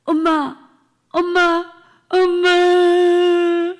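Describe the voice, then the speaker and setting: A woman voicing a frightened ten-year-old girl begging for her mother, drawn-out pleading cries, with a Gyeongsang accent. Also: high voice, steady tone, creaky, exaggerated voice. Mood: frantic. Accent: Gyeongsang Korean.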